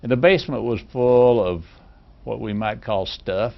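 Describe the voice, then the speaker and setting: In an oral history interview, an older man questions his former employee, first reading a prepared introduction, then asking questions with many fillers. His mid-range voice has vocal fry and a measured pace, and the highs are cut off.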